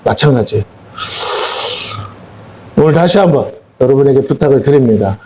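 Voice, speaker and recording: A man's voice: medium pitch, lively intonation, moderate pace, mellow, a little hiss or hum. A middle-aged male pastor giving a folksy, colloquial sermon full of rhetorical questions to his congregation. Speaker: senior pastor. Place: church sanctuary.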